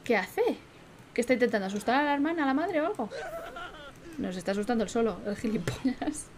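A woman's voice: a little high, expressive, quick pace, background noise. Chatty young woman streaming a game. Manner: chatty, laughing, swearing asides to viewers. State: tired. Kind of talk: casual gameplay commentary.

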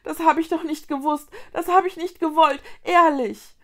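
A woman reading as a bold little witch girl, loud and emphatic, kinda high. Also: moderate pace, lightly acted. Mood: agitated. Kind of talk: children's storybook reading.

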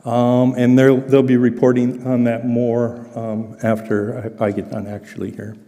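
Older man with a halting delivery in a reverberant church. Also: mid-range voice, level tone, warm tone. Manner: halting, with frequent fillers and restarts. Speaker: church finance presenter. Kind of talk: informal financial report at a congregation meeting. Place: large church sanctuary, indoors. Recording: long church hall reverb.

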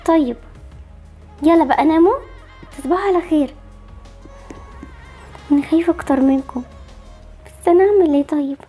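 A woman's voice: high-pitched, a little fast, long pauses, warm tone, soft background music, lightly acted. A woman voicing Barbie, an anxious, protective young mother with an Egyptian accent, fretful and soothing in an amateur game movie. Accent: Egyptian Arabic.

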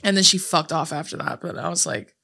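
A woman's voice: on the low side, fairly quick, bright, forceful tone. A young woman co-hosting a podcast, telling stories in a blunt, casual way with plenty of swearing. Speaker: podcast co-host. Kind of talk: casual chat.

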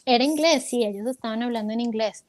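Candid higher-voiced woman telling her story. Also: fast, no echo. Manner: candid, retells with quoted self-talk and many fillers. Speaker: interview guest. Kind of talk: personal storytelling in an interview.

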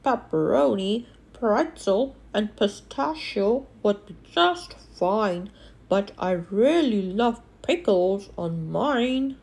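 Woman reading to a toddler as a slow grumpy toad. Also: mid-range voice, lively intonation, creaky, a little mellow, pitched below the performer's own voice. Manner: grumpy, deliberate. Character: grumpy toad who is fussy about food. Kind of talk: picture-book character read to a toddler.

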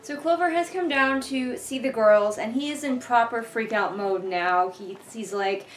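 Here a young book reviewer reads along on her living room couch indoors, her commentary casual, sarcastic and informally exasperated. Her slightly high voice moves at a normal speed, and the recording quality is low. She's captured by a camera placed a short distance away.

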